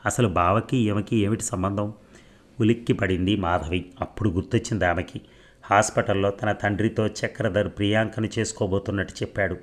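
Deep-voiced man narrating a novel. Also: steady tone, a little fast. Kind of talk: audiobook novel reading.

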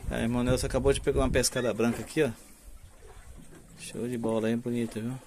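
A man's voice: mid-range voice, flat delivery, fast talker, background noise. A man chatting casually to viewers while filming a fishing trip from an open boat on a phone. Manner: upbeat, chatty, addresses viewers as "gente". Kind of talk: casual narration to camera. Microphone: handheld phone camera.

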